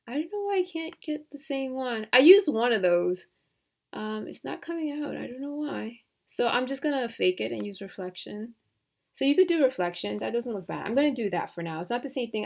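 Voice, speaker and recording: A woman walks through a software tutorial in a relaxed, thinking-aloud way, full of hesitant fillers. Her voice sits at a middle pitch with a noticeable vocal fry, and it drops to soft mutters as she works. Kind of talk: screen-recorded tutorial.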